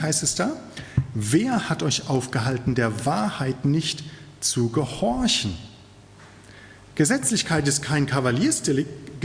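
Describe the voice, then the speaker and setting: A man's voice: mid-range voice, in a large hall. A man preaching a sermon in an earnest, emphatic way, stressing key words.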